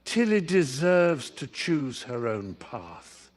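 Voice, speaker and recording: A man voicing a defiant young woman, with slow, earnest, insistent speech in a storybook reading. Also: on the high side, huge pitch swings, pitched above the performer's own voice, full character voice.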